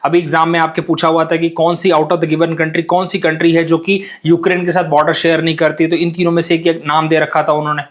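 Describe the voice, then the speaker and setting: A man's voice: a little high, little pitch movement, fairly quick, hardly any pauses, fairly bright tone. A young man teaching a casual exam-prep map lesson, chatty and repetitive, often mixing in English words. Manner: chatty, repeats phrases, mixes English words.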